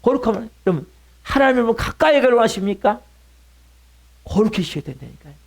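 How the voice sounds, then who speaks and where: High, animated preaching man. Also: brisk. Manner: emphatic preaching with rhetorical questions, sudden drops to a hush. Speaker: pastor. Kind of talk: sermon.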